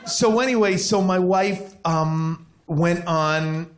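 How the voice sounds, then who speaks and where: A man's voice: high voice, takes it slowly, noisy background. A man guest chatting with fillers and self-deprecating asides at a live show. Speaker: podcast guest. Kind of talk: casual chat before a live audience. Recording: roomy live venue with loud crowd.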